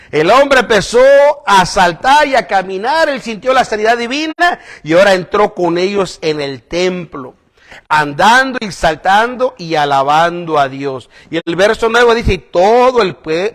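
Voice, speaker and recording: A man preaching a conversational sermon to a congregation, often checking in with "¿verdad?" and swinging between loud emphatic lines and quiet asides. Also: high-pitched.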